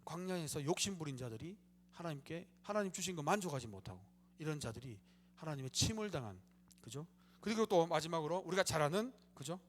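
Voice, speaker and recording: A man's voice: a little high, animated, fairly quick. A male pastor giving an evening church sermon, preaching with animation and acting out the complaints of the crowd in a raised voice.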